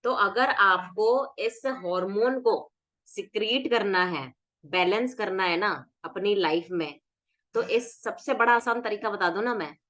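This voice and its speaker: A woman's voice: mid-range voice, unhurried, fairly bright tone. A woman fitness instructor teaching a live online class over a video call, often checking in with the group and cheerfully urging participants to laugh along. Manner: coaxing, checks in with "right?".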